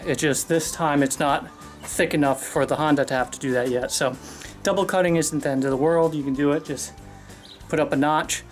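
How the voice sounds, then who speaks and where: A man giving a casual, rambling mower review outdoors, out of breath and talking with many fillers. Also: fairly high pitch. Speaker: lawn care video host. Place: outdoors on a lawn.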